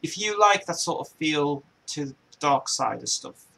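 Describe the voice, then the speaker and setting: This show host is a man from England in his 40s with a fairly high, bright, forceful voice, lively intonation, vocal fry and a moderate pace. Broadcasting a casual chat show from his home, he rambles loosely, repeats points and keeps starting over.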